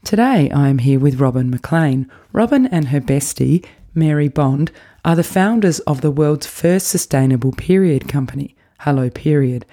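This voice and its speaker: A woman's voice: low-pitched, expressive, moderate pace, warm tone. A middle-aged woman hosting a podcast interview, asking questions and chatting with short friendly acknowledgements. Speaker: podcast host.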